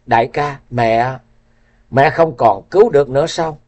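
A man's voice: medium pitch, normal speed, a little mellow, dull audio, close to an everyday voice. Guy putting on a crying young fairy girl, pleading, storybook. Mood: grieving. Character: young woman fairy warrior, grief-stricken daughter.

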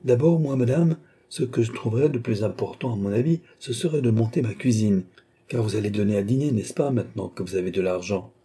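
A man's voice: lowish voice, brisk, warm tone, breathy edge. A man voicing an old, thrifty chambermaid who protests and pleads with her mistress. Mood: eager.

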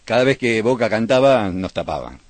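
A man's voice: fairly low pitch, expressive, normal speed, no room sound. A man with an Argentine accent, a radio host telling playful football crowd stories in casual chat. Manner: playful, chanting bits of crowd songs in his stories.

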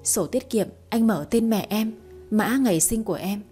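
A sniffling middle-aged man, pleading and weary, voiced by a woman reading the story. Her tone stays mellow and even. Faint music sits under the voice. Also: mid-range voice, moderate pace, close to an everyday voice. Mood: tearful.

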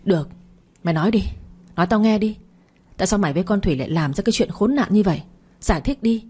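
A woman's voice: mid-range voice, animated, quick pace, darkish tone, breathy edge. A woman voicing an angry older village mother who scolds her son harshly in an audio story. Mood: furious.

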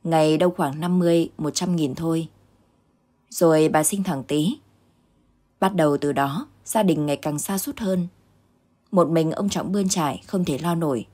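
A woman narrating a ghost story in a steady, dramatic reading. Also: deep voice, normal speed. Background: faint background music.

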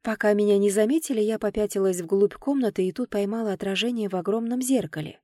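A woman narrating a first-person audiobook in a lively, expressive manner. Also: mid-range voice, quick pace, dry recording, studio quality.

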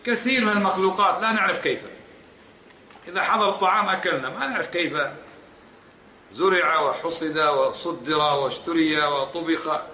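At a moderate pace, a fairly high, bright and forceful male voice gives an emphatic Islamic religious lecture, repeating points and pressing the audience with rhetorical questions. The recording comes from an echoey hall with faint ambience, plus a little hiss or hum.

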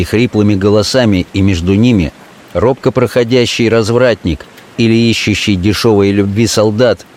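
A man reading classic prose as an audiobook in a steady, measured way. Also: lowish voice.

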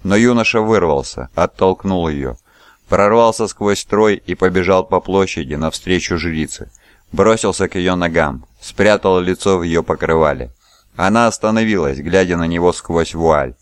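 Deep-voiced man reading a novel. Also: moderate pace, clear, resonant tone, no echo. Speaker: audiobook narrator. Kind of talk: scripted narration.

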